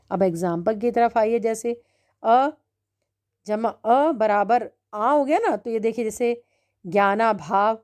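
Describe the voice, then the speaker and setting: A woman teaches young students a grammar lesson. She talks slowly and patiently, with a fairly high voice. She keeps checking that the class is following. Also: darkish tone. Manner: slow, drawn-out explaining with constant "है ना" checks. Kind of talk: Hindi grammar lesson for children. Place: online class recording.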